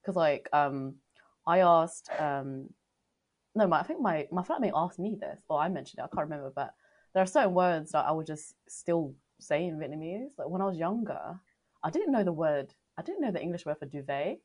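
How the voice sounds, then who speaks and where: Chatty young woman, slightly low voice. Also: expressive, moderate pace, a little mellow. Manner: chatty, laughs often, fillers like "like". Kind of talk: casual chat.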